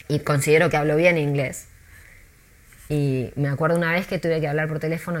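An Argentine woman who works as a tour guide, chatting in an interview with lively, storytelling delivery and many restarts. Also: deep voice. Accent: Argentine Spanish.

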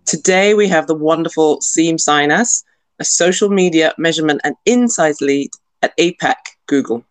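A woman hosting a podcast interview, introducing her guest and asking questions with friendly, enthusiastic reactions. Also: sits low. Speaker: podcast host and lecturer.

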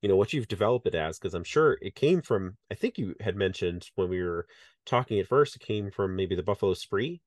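Male podcast host, very low voice, dry close sound, chatty and self-mocking. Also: expressive, fairly quick, no echo. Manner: chatty, self-mocking, laughs at his own stories. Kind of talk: casual interview chat.

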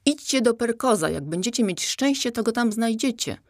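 A woman's voice: fairly high pitch, animated, normal speed, no echo, clean studio sound, pitched above the performer's own voice. A woman voicing a cocky, laid-back male river toad in a children's audiobook, with a slangy, easygoing manner. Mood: breezy.

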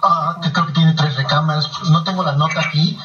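Interviewing a radio guest, a man methodically reads out names and addresses. His fairly high voice is steady, bright and forceful, moving fairly quickly. The recording comes across echoey, distant and muffled, with faint music in the background.

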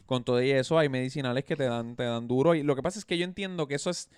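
A man's voice: mid-range voice, very fast, clean tone, no room sound, studio quality. A man co-hosting a casual podcast, telling stories animatedly and swearing freely. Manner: animated storyteller who swears freely and acts out scenes. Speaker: podcast co-host. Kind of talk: casual chat.

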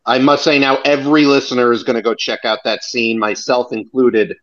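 A man's voice: medium pitch, fairly even intonation, fairly quick, fairly bright tone, lo-fi sound. A man moderating a podcast discussion, upbeat as he passes the turn to the next guest. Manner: upbeat, hands turns to guests.

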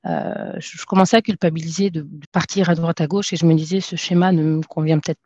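This thirty-something guest from France talks quickly in a low-pitched, warm voice with a breathy edge and a steady tone. She stumbles through the casual podcast interview with frequent fillers and restarts. There's no room sound, and the audio comes across dull, dry and lo-fi.

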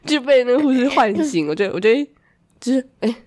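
Woman, has a cold, coughs, casual podcast chat, animated storyteller, very lively intonation. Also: sits high, quick pace, no room sound, clean studio sound. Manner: animated storyteller, mimics voices. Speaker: podcast co-host.

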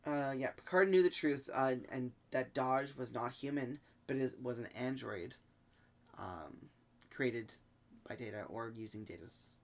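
A man hosting a podcast and recapping an episode in a relaxed way, with lots of ums. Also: mid-range voice. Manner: easygoing, halting with many ums. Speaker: podcast host. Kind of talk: casual recap chat.

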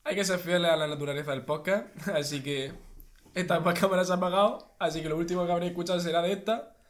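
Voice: medium pitch, quick pace, noisy background. A podcast host with a Murcian Spanish accent, teasing and joking with a guest. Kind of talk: casual chat. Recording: echoey room.

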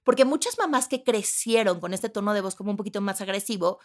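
A woman giving casual parenting advice, animated and acting out loud outbursts as examples. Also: mid-range voice, quick pace. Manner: animated, acts out voices with sudden loud outbursts. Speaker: parenting expert guest.

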